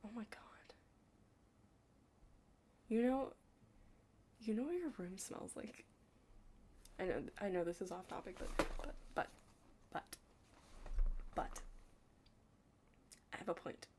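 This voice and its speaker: A young adult woman does an ASMR study-partner roleplay, chatting in a hushed, halting, rambling way with some whispering and lots of "like." Her medium-pitched voice has lively intonation, with slight background noise.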